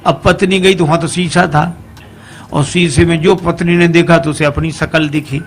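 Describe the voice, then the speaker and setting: High-voiced, gravelly male storyteller. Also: fairly even intonation, normal speed. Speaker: religious storyteller. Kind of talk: humorous devotional story sermon with chanted verses.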